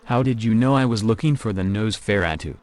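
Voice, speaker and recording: A man's voice: on the low side, brisk, darkish tone, natural voice. A synthetic text-to-speech man's voice playing a blunt, sardonic vampire recruit in video game dialogue. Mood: dry.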